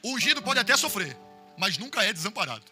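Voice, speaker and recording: Man, Brazilian Portuguese accent, Pentecostal sermon, very high voice, piercing tone, soft music underneath. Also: very animated, fast talker. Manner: impassioned, building to shouts and sung phrases. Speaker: pastor.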